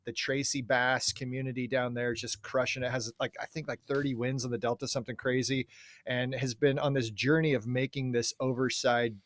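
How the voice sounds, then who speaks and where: A man's voice: medium pitch, flat delivery, a little fast, a bit bright. A man co-hosting a casual podcast, eagerly telling a story. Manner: enthusiastic storyteller. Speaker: podcast co-host.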